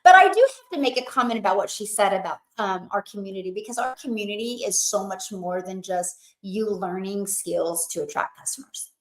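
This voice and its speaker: A woman's voice: medium pitch, animated, fairly quick, hardly any pauses, reverberant, rough recording. A woman hosting a motivational webinar, talking in a chatty, emphatic way with lots of fillers. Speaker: webinar host.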